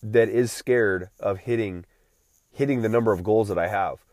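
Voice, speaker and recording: A man in his late thirties hosts a casual solo podcast, rambling with frequent restarts and fillers as he recovers from feeling unwell. His voice is lowish and darkish, at a moderate pace, captured clean in a studio with no echo.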